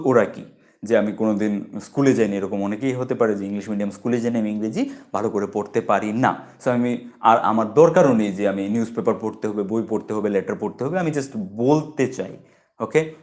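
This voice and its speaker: Man, casual english lesson, lively pitch swings, repeats himself. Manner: lively, repeats phrases, mixes English words in. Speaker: English teacher.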